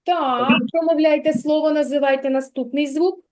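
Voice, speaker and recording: A woman's voice: high-pitched, steady tone, normal speed, a little mellow. A woman kindergarten teacher leading a literacy lesson for young children, patient, drawing out her praise and prompting questions.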